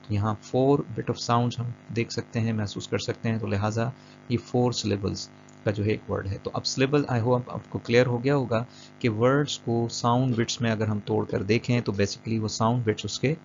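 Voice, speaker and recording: Male teacher, patient and repetitive, gravelly voice, lo-fi voice-over with quiet music. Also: medium pitch. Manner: patient, repeats and checks understanding; mixes English terms into Urdu-flavoured Hindi. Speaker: English teacher. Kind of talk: explaining a lesson over slides. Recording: dull lo-fi voice-over with soft music.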